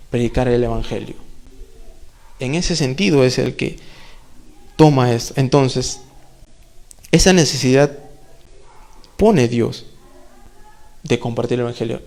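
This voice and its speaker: A man's voice: on the high side, darkish tone. A man preaching a sermon in a church, conversational, full of rhetorical questions and playful asides.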